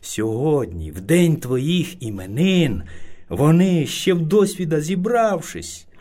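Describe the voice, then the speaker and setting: A man voicing a small, timid but clever male hare who speaks very politely and flatters. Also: high voice, measured pace, exaggerated voice. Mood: pleading.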